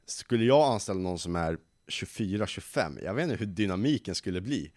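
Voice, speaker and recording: A lively nineteen-year-old man talks in a fairly low voice, telling how his company got started. His voice is close and dry, with no room sound behind it. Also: no echo. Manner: lively storyteller who acts out quoted voices. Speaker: young company founder, guest. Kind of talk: casual podcast interview.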